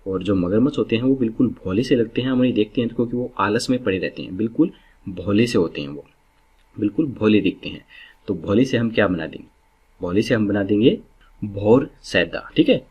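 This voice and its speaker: A man with a low, husky voice teaches exam memory tricks. He explains each step patiently and drills key words over and over. The recording sounds dull and lo-fi. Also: darkish tone.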